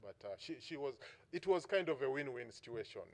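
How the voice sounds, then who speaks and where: A man's voice: mid-range voice, lively intonation. Ugandan man telling a case anecdote. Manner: measured, anecdotal, frequent "uh" fillers and restarts. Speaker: public prosecutions director, panel speaker. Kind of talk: symposium panel talk.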